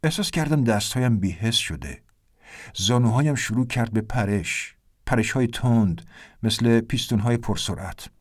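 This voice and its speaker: A man reading a first-person story aloud in a plain, steady way. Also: mid-range voice, no echo, clean studio sound. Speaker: audiobook narrator.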